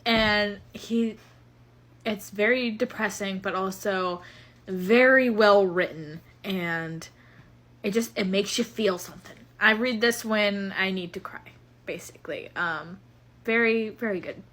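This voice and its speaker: A woman's voice: medium pitch, a little slow, fairly bright tone. A young woman casually chatting as she recommends fanfiction, rambling with frequent fillers and laughs. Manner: rambling, lots of "um" and "like", laughs often. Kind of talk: casual chat.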